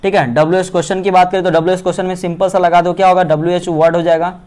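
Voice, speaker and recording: A man teaching English grammar, asking himself questions and slowly spelling out sentence structures. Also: sits high, little pitch movement, a little mellow. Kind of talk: Hindi lecture on English grammar.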